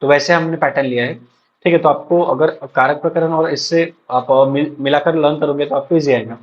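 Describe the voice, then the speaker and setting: A young man with a somewhat high voice teaches an exam-prep lesson. He drills terms aloud for his students to repeat and keeps checking in with them. The recording sounds dull and lo-fi. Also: fairly even intonation, normal speed. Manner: frequent check-ins to students. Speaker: ayurveda college lecturer.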